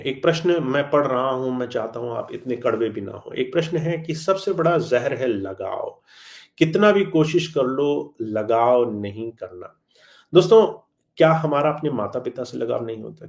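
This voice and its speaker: A man with a gravelly, slightly mellow mid-range voice gives a live spiritual talk. As a spiritual teacher, he answers listeners' questions in an earnest, friendly manner and drops in English phrases.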